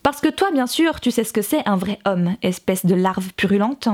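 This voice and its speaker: A woman voicing a fierce young woman who speaks loudly and with biting sarcasm to defend her friend. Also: fairly high pitch, expressive, normal speed. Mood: scathing. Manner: cutting, loud and sarcastic.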